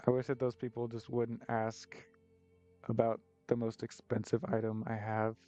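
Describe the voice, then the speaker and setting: A man's voice: mid-range voice, monotone, moderate pace, dark tone. A man, an artist, chatting casually on a live stream while he paints, joking about himself and rambling between laughs. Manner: joking, self-deprecating, rambling with frequent laughs. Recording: slightly muffled stream audio with faint music.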